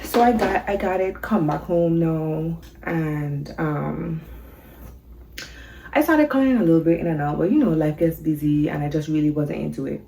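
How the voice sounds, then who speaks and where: Chatty low-voiced Virgin Islands woman. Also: moderate pace, creaky, warm tone, poor audio. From Saint Thomas, U.S. Virgin Islands. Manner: chatty, nervous, laughing, talking to camera. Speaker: coloring vlogger. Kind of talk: casual first-video introduction.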